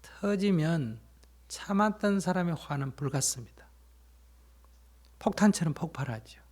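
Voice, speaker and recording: Male Buddhist teacher, dharma talk, slightly high voice, plain explanatory delivery with questions to the audience. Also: lively intonation, measured pace, a little mellow. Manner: plain explanatory storytelling, asks listeners questions.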